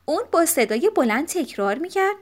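A woman reads a children's storybook aloud, her fairly high voice rising and falling in lively swings. The telling is expressive and animated, made for young listeners. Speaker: audiobook narrator.

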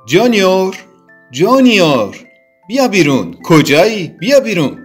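A man's voice: high voice, sing-song, faint music behind, pitched above the performer's own voice. A man doing a worried little carrot girl. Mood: calling. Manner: calling out, tearful.

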